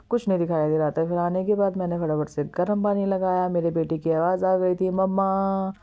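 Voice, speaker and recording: Young mum vlogger, low mellow voice, chatty and exclaiming, dull lo-fi home recording. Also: female voice. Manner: chatty, exclaiming, talking to viewers. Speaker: vlogger and mother. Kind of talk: casual vlog narration of her day. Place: at home, moving between rooms and outside.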